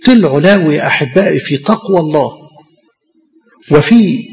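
A man's voice: fairly high pitch, animated, a little fast, in a large hall, muffled recording. A man with an Egyptian Arabic accent, a priest giving an impassioned sermon straight to his congregation. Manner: impassioned preaching, addresses the congregation directly.

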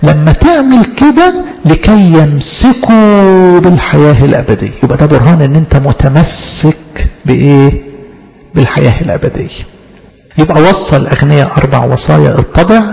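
Egyptian preacher with a gravelly voice. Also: male voice, on the high side, a little mellow. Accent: Egyptian Arabic. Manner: rhetorical questions answered himself, emphatic repetition. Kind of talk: sermon. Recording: dull lo-fi recording.

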